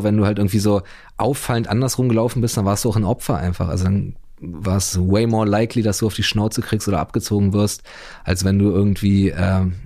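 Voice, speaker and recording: A man's voice: fairly low pitch, mellow, no room sound, studio quality. A man, chatting casually in a rambling, slangy way full of fillers. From Berlin, Germany. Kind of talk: casual chat.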